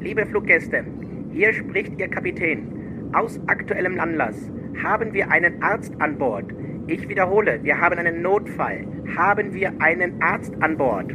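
A male airline captain speaks over the onboard loudspeaker, his voice raised higher than normal, as a podcast host puts him on. The announcement is formal and sounds distant and small. A steady hum of aircraft cabin noise sits underneath it. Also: moderate pace. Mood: urgent.

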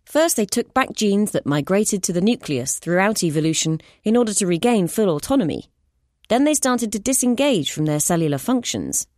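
A woman voicing a sharp, impatient woman scientist who explains in a brisk, lecturing way, read as an audiobook. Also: medium pitch, sing-song, dry recording, clean studio sound, pitched above the performer's own voice, lightly acted. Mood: urgent lecturing. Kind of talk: audiobook reading.

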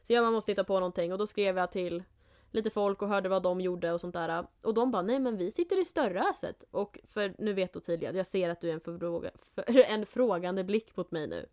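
A woman's voice: fairly low pitch, darkish tone, clean tone. A young woman co-hosting a podcast, chatting casually and laughing often. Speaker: podcast co-host. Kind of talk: casual chat.

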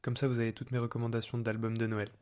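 Young male podcast host, playful and chatty, casual slang, average pitch. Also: monotone, fast talker, a little mellow, smooth. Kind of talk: casual solo podcast chat. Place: apartment.

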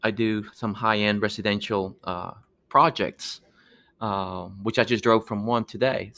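Earnest Peruvian-born man, halting speech. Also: lowish voice, steady tone, creaky, pushed and bright. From Peru. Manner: earnest, halting with many restarts. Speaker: guest, architect. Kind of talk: podcast interview.

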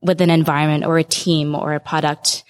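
A woman's voice: low voice, level tone, a little fast, smooth. A young woman from Singapore asking the panel a thoughtful question, hedging often. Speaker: audience member asking a question. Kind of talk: audience question at a live panel. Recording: long hall reverb.

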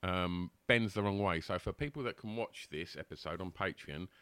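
A man's voice: deep voice, fairly quick, a bit bright, clean tone, no echo. A man chatting casually as a podcast co-host, rambling and hesitant in a jokey way.

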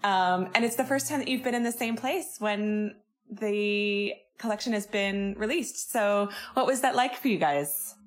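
A woman's voice: mid-range voice, a little slow, soft background music. A woman interviewing two guests in a friendly, chatty way, laughing along. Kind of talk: casual interview.

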